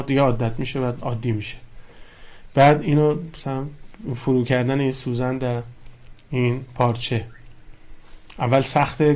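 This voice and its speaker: A man's voice: on the high side, dull audio. A man teaching a classroom lesson on a philosophy text, reading Arabic lines and explaining them, stressing his points with repetition. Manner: reads out Arabic lines, then explains them in colloquial Persian; animated, stressing key words with repetition. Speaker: religious teacher.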